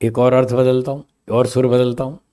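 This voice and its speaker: Man, philosophy teacher, classroom lecture, mellow warm voice, stresses words, checks listeners follow. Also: medium pitch, little pitch movement. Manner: explains by slow spoken examples, asks listeners to confirm; stresses single words to show meaning.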